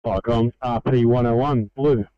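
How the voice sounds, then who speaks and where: An Australian man giving emergency situation reports over a two-way radio, in slow, clipped, formal radio procedure. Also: mid-range voice, fairly even intonation, smooth, no echo. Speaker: emergency crew radio operator. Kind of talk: radio dispatch traffic. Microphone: handheld two-way radio. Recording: muffled scanner radio audio.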